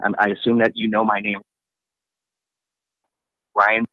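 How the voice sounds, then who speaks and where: Low-voiced guy on a crackly phone line, cutting in and out, playing dumb, dry tinny sound. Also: completely flat delivery, a little slow, pushed and bright, dry recording. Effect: voice breaking up over a crackly phone line. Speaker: prank caller. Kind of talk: phone prank call.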